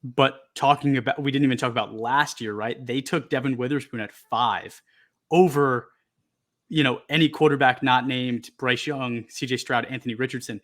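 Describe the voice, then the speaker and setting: A man's voice: mid-range voice, fairly even intonation, moderate pace, a bit bright. A man co-hosting a sports podcast, chatting casually and hedging as he thinks aloud. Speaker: podcast co-host.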